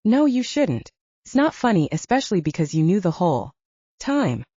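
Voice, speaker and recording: A woman's voice: fairly low pitch, big pitch swings, normal speed, mellow, slightly rough, no room sound, lo-fi sound. A woman narrator voicing a distraught young bride who is crying and hiccuping through her complaints. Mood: indignant. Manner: wailing, exasperated complaints.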